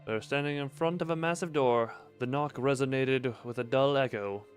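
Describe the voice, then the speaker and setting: A man plays through a story game and reads it out loud. His voice is mid-pitched, with dramatic narration broken by joking asides, over soft music. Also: moderate pace. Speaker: game player reading dialogue aloud.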